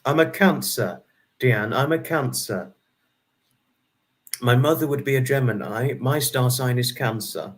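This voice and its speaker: Medium-pitched and measured, with long pauses, this twenty-something livestream host rambles amiably through viewer comments, addressing people by name. He tends to start his number sums over out loud.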